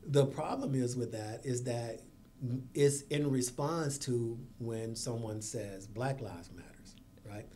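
Guest man, school equity director; mid-pitched, earnest, dry sarcasm. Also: slow pace, mellow, slight background noise. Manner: earnest, with sarcastic asides and laughter. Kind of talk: podcast conversation.

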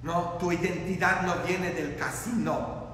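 A man's voice: high voice, steady tone, unhurried, fairly bright tone, slight background noise. A man preaching a sermon as a priest, impassioned, asking his listeners question after question. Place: church. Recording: echoey church with long reverb.

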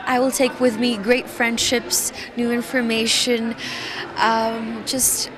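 A young woman from Finland talks eagerly in an interview. Her voice sits fairly high, and a busy crowd murmurs in the large hall around her. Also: level tone, takes it slowly. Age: young adult. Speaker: conference delegate. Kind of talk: interview answers. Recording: crowd chatter behind.

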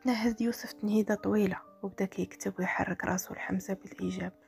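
Moroccan woman, storyteller, reading aloud, rapid, mid-pitched. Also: steady tone, gravelly, darkish tone, faint music behind.

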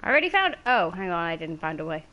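A woman's voice: fairly low pitch, big pitch swings, fast, muffled recording. A woman streaming a game, chatting casually, greeting viewers by name and laughing easily.

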